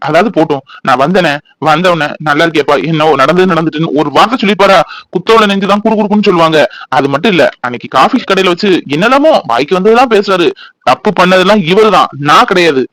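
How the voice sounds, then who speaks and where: A bitter, quick-tempered husband from an animated family drama, played by a man. He scolds in rapid, sarcastic bursts at a slightly raised pitch. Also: no room sound, poor audio. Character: gruff resentful husband, middle-aged, quick-tempered.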